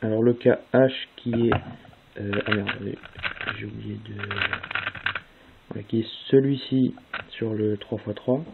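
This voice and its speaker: A man's voice: lowish voice, fairly even intonation, a little slow, gravelly, pauses often. Casual man explaining moves, tinny audio. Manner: casual, spells out move sequences step by step with fillers. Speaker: speedcubing tutorial host. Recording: tinny lo-fi phone-like audio with faint hiss.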